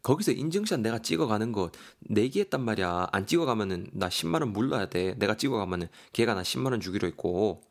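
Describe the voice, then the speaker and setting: A man's voice: fairly low pitch, lively intonation, fast, hardly any pauses. A man voicing a bossy young female hiker who scolds and coaxes her tired friend. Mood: coaxing. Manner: scolding, coaxing.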